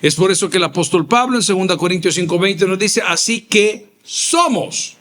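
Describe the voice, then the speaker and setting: A male pastor, preaching a sermon with emphatic repeated phrases and sudden rises in pitch. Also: animated, moderate pace, fairly bright tone. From El Salvador.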